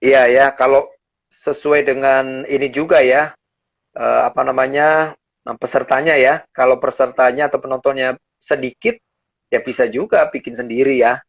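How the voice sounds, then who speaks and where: A man's voice: mid-range voice, fairly even intonation, moderate pace, gravelly, no room sound, lo-fi sound. A man hosting an interview, friendly and reading out questions from viewers. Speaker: interview host.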